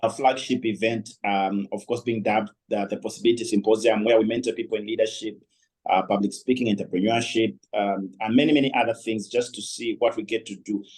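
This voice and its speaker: On a leadership panel discussion, a man who founded a company reflects aloud, his speech peppered with fillers. His voice is fairly low, steady, and a little mellow, moving fairly quickly, and the recording is rough.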